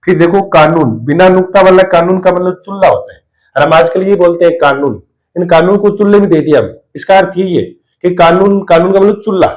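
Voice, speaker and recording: A man's voice: high voice, brisk, a little mellow, low-quality recording. A middle-aged man teaching a Hindi grammar class, explaining and repeating key words as he goes. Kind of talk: classroom lecture on word pairs.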